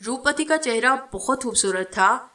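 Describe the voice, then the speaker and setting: Bright-voiced woman narrating a horror tale. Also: high-pitched. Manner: steady dramatic reading. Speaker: storyteller. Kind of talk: dramatic narration of a horror novel.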